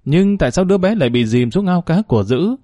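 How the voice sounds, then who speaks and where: A man narrating a village crime story in a steady, measured way. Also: on the high side, no room sound.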